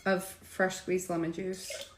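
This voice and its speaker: A woman's voice: lowish voice, little pitch movement, slow pace, slight background noise. A woman hosting a casual live cocktail demonstration, chatting straight to her viewers with lots of asides. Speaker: cocktail demo host. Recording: echoey room with faint clatter.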